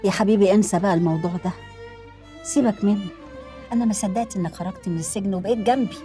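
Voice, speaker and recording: A woman's voice: mid-range voice, very fast, mellow, faint music behind, close to an everyday voice. A woman playing a fretful, pleading mother. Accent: Egyptian Arabic. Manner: pleading, tender. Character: anxious loving mother of an ex-convict son.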